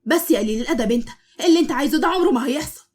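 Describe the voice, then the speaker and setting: A woman's voice: sits high, animated, racing. A woman doing a fiery, jealous young Egyptian wife. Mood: furious. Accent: Egyptian Arabic. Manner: loud, scolding bursts.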